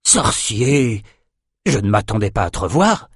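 A man's voice: medium pitch, expressive, moderate pace, no room sound, clean studio sound, lightly acted. A man voicing a burly bearded fisherman who is now mayor, confident and hearty. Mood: welcoming.

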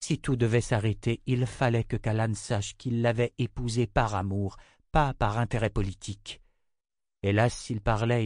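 A man giving a scripted audiobook narration of a novel, in an even, literary reading style. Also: fairly low pitch, no echo, studio quality.

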